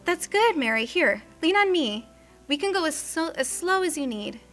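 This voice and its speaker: Brief: devoted young husband on a hard journey, earnest and prayerful; a woman narrator reads him in a high, bright voice. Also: sing-song, moderate pace. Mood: gentle. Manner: earnest, prayerful inner monologue. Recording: faint music underneath.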